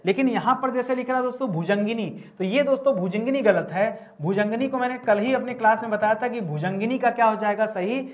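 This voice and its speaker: A man teaching a grammar class, asking each answer back to his students and repeating it. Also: high voice. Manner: repeats each word as a question to the class, addresses students as friends. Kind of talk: classroom lesson at a board.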